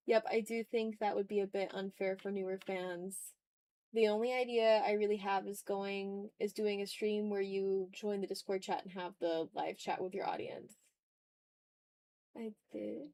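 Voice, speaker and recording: A woman with a mid-range, mellow voice and steady tone hosts an art livestream, speaking at normal speed. She chats casually and expressively straight to her viewers, reading and answering their messages.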